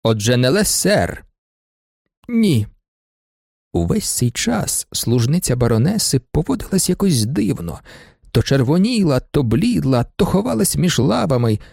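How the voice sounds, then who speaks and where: A man reading a story aloud, expressive and theatrical. His voice sits a little high, swings widely in pitch and carries a mellow, gravelly grain. The sound is dry and close. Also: moderate pace, no room sound. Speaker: narrator.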